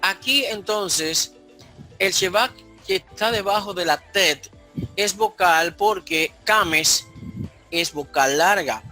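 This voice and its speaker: Patient male language teacher, slow deliberate delivery, high pitch. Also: pushed and bright, faint music behind. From Dominican Republic. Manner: slow, explanatory, repeats key points. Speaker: Hebrew teacher. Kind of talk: online grammar lesson.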